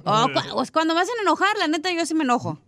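A woman's voice: very high voice, sing-song, quick pace, crowd noise. A woman with a Mexican accent co-hosting a radio show with blunt, teasing banter. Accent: Mexican Spanish. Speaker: radio co-host.

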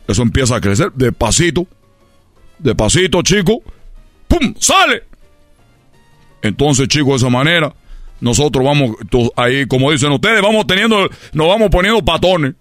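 A man's voice: medium pitch, lively intonation, normal speed, no echo, soft background music, close to an everyday voice. A man voicing a boastful male Cuban baseball player with a Cuban accent, telling a story in a radio comedy sketch. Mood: brash, boastful. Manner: brash storytelling, loud exclamations.

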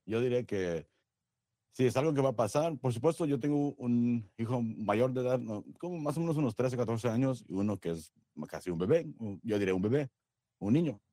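A man joining as a guest on a casual podcast chat, talking in halting, restarted sentences about his kids. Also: medium pitch, lively intonation, mellow, no room sound, clean studio sound.

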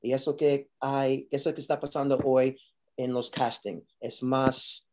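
Bilingual man with a dark, mellow voice. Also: mid-range voice, flat delivery. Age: adult. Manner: mixes Spanish with English phrases; halting, searches for Spanish words. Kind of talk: casual interview talk.

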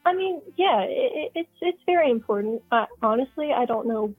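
A woman's voice: on the high side, expressive, normal speed, slightly rough, soft background music. Eighteen-year-old woman on a tinny phone line. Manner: chatty, with many "um"s and "like"s. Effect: heard over a phone line. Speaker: caller. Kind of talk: casual call-in chat.

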